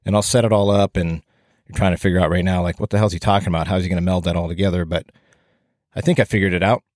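A man's voice: low voice, steady tone, racing, a little mellow, dry recording. A man giving an informal, rambling solo podcast talk in a plain-spoken, self-deprecating way, with audible breaths into a close microphone. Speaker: podcast host and firefighting instructor.

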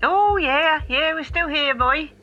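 A woman's voice: high voice, takes it slowly, bright, forceful tone, exaggerated voice. A woman's voice playing a friendly, agreeable Suffolk pub landlady on a comic radio phone-in, on a dull line. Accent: Suffolk English.

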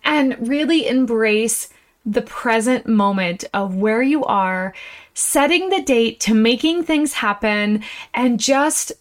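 A woman with a fairly high voice hosts a motivational podcast from inside an RV. She takes her time, yet sounds animated and exclamatory. Her style is casual and chatty, addressing listeners in a folksy way. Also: slow pace. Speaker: podcast host. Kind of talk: enthusiastic casual motivational monologue.

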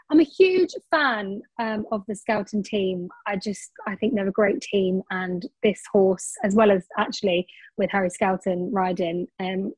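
This young woman, co-hosting a racing tips podcast, has a fairly high voice with a breathy edge. Chatty and full of ums, she corrects herself as she talks, captured in a low-quality recording with no echo.

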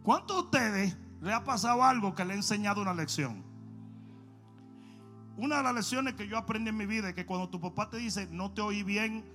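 A male pastor preaches with a high voice that leaps up and down, telling stories straight to his congregation. His tone is bright and forward. Soft music sits underneath him. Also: fairly quick. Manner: animated storytelling preacher, addresses the congregation. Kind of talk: sermon.

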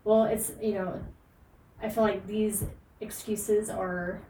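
A woman's voice: medium pitch, level tone, slow, dark tone. Emphatic woman fitness coach, echoey room. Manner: emphatic, earnest, frequent fillers and laughs. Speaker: fitness and nutrition coach, podcast host. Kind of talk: casual podcast advice. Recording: echoey room, distant mic, faint noise.

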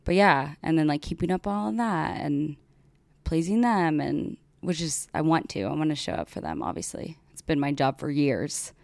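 A woman's voice: sits low, lively intonation, moderate pace, gravelly, a little mellow, no echo. A young woman co-hosting a podcast in casual chat, chatty and full of fillers. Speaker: podcast co-host.

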